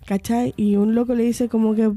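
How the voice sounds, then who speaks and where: A Chilean woman co-hosting a podcast, getting over a fever and telling stories in lively slang, acting out the quotes. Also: fairly high pitch, moderate pace. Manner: slangy, animated, acts out quotes. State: recovering from fever. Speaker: podcast co-host. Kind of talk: casual chat, storytelling.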